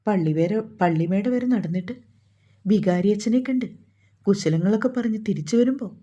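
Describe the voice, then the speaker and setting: A woman reads a romantic novel aloud in a calm, unhurried way. Her voice is very dark and mellow with a husky, breathy grain. The recording is dull and lo-fi. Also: medium pitch. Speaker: audiobook narrator. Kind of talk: relaxed novel narration.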